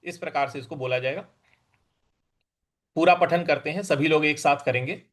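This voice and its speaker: A man teaching scripture recitation, chanting verses slowly and drawn out, then explaining pronunciation in quick asides. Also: a little high, fairly bright tone. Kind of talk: recitation lesson.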